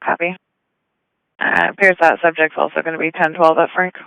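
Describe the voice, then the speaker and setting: A man's voice: fairly high pitch, steady tone, normal speed, creaky, bright, forceful tone, smooth, dry recording. A man working as a police dispatcher, talking over the radio in clipped codes. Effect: police radio transmission. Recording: muffled dispatch radio audio.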